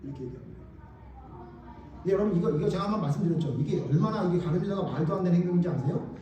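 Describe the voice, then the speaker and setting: A man's voice: high-pitched, racing, warm tone, lo-fi sound. A male pastor preaching a sermon in a church, emphatic and colloquial, often firing questions at the congregation. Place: church sanctuary. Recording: very echoey hall, mic far off.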